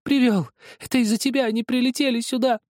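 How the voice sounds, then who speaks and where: A man voicing a distraught young village boy in an audiobook, with shrill, sobbing shouts. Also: fast, no echo, clean studio sound. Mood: furious, sobbing. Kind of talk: audiobook character voice.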